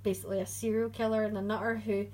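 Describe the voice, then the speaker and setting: A woman's voice: medium pitch, flat delivery, fast talker, a little mellow, low-quality recording. A woman co-hosting a casual podcast chat, chatty and often searching for her words. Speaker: podcast co-host. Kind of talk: casual chat about horror movies.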